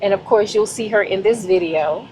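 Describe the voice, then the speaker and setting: A woman's voice: mid-range voice, normal speed, a little hiss or hum, poor audio. A woman with a Southern American accent talking casually to her viewers in a vlog, effusive and heartfelt. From Southern United States. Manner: effusive, animated, heartfelt, addresses viewers as y'all. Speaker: vlogger.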